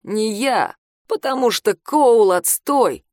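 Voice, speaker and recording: A woman voicing a drunk, crude, boastful high-school heartthrob boy in a storybook reading, loud and drawn-out. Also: expressive, no echo, studio quality. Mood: taunting.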